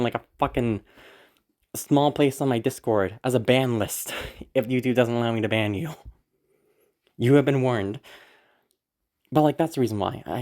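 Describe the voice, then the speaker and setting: An audio roleplay creator with a medium-pitched, somewhat dark voice rambles casually to viewers, congested from being sick. She comes across anxious, apologetic and giggly, swearing now and then.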